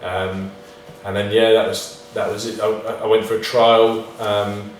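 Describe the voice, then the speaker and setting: A man's voice: on the low side, completely flat delivery, unhurried. A man who plays football, answering casually in a hesitant, understated, self-deprecating way. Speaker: football player. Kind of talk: casual interview chat. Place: reverberant indoor room. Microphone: distant from the speakers. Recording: very echoey room, distant mic, faint noise.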